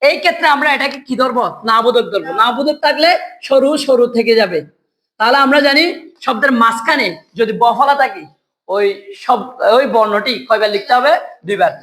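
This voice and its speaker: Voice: mid-range voice, fairly quick, a bit bright, poor audio. A teacher giving an exam-prep lesson, asking the class questions and answering them right away. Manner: quizzes students, asks and answers own questions. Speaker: Bengali grammar teacher.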